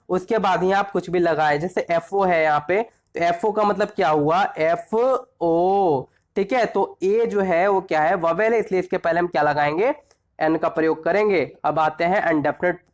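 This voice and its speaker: A man teaching a grammar lesson. He keeps asking quick questions and answering them himself, often checks that the listener is following, and reads example phrases slowly. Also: high voice. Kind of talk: classroom-style grammar lesson.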